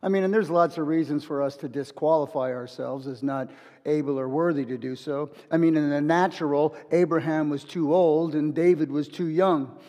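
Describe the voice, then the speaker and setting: A man's voice: fairly high pitch, steady tone, normal speed, mellow, in a large hall. A male pastor preaching a sermon in an earnest, repeating manner. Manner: earnest, repeats words as he restarts.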